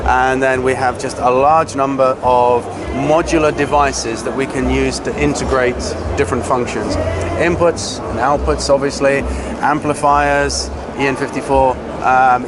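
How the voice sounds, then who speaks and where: A man giving an informal, technical product demonstration as a company representative, speaking haltingly with frequent pauses. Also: mid-range voice. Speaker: company representative presenting products at a trade show. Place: busy trade show exhibition floor. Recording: loud trade show floor noise.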